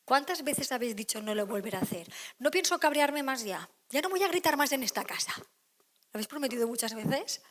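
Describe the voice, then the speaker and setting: A woman giving a conference talk on emotional education to an audience, lively, acting out quoted voices. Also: sits high, brisk. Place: lecture hall.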